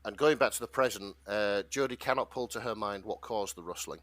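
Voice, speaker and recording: Sitting on the low side and a bit bright, this man's voice moves briskly as he casually and wryly summarises and reads a fan fiction story for his podcast. The recording has no room sound.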